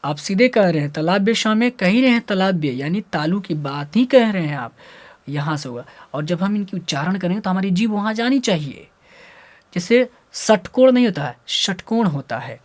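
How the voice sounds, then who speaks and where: Teaching Hindi grammar to school students, this animated man speaks at a moderate pace as he explains the lesson. He drills letter sounds aloud, poses questions and answers them himself, and swings from loud syllables to low muttering.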